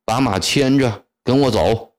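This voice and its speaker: A man's voice: medium pitch, unhurried, close to an everyday voice. A man voicing a fierce young male rebel warrior who barks harsh threats in a storybook reading. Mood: menacing.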